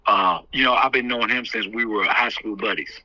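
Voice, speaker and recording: A community activist offers candid advice during a phone call, sounding bright and forceful and repeating phrases for rhetorical effect. His lowish voice moves briskly with no room sound, and the telephone audio comes through muffled and band-limited.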